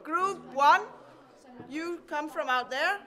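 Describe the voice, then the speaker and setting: A woman's voice: high voice, slow pace, a bit bright. A woman leading a drama workshop, coaching a group with commanding instructions in a large theatre hall. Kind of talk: directing a group rehearsal. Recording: echoey hall, music and crowd behind.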